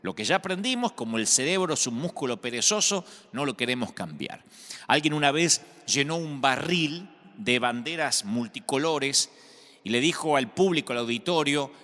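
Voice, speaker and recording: A man's voice: mid-range voice, lively intonation, normal speed, sharp tone. A man with an Argentine accent, a pastor preaching a sermon with conversational storytelling and humor. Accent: Argentine Spanish. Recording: echoey hall sound.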